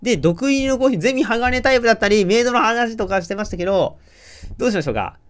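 Animated Kansai-accented game streamer. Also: male voice, high-pitched, very fast. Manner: playful, animated, jokes with the game and often laughs. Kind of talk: let's-play commentary reading character lines.

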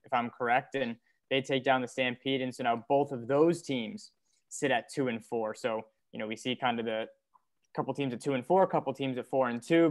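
Young man hosting a sports recap. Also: medium pitch. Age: young adult. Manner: upbeat, steering the talk between guests. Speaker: host. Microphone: earbud headset on video call.

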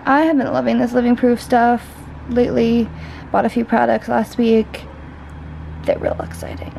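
A woman's voice: a little high, animated, normal speed, creaky, dark tone, a little hiss or hum, poor audio. A young woman rambling through a casual vlog unboxing, chatty and full of "like". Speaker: beauty vlogger.

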